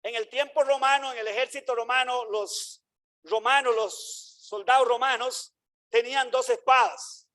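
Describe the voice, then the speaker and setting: A male pastor preaching a sermon, emphatic and full of rhetorical questions to the congregation, slowing down to stress points and sometimes shouting. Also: very high-pitched, fairly even intonation. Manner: swings between slow stressed phrases and sudden shouts.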